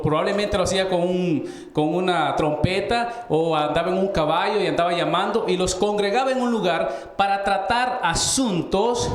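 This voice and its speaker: A man giving a Bible teaching in a sermon style, explaining word meanings and asking his listeners rhetorical questions. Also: high-pitched. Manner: explanatory, asks rhetorical questions, frequent restarts. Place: church. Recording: roomy echo.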